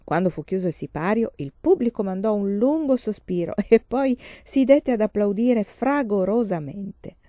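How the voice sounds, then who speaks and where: A woman reading a children's novel aloud, in a measured, steady narration. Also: medium pitch, dry recording. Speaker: reader. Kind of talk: audiobook narration. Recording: dull lo-fi recording.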